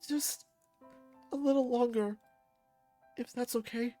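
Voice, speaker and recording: A woman voicing a guarded young man who is close to tears, speaking quietly and hesitantly over faint music. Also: a little high, fairly even intonation, slow pace, voice pushed up. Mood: tearful.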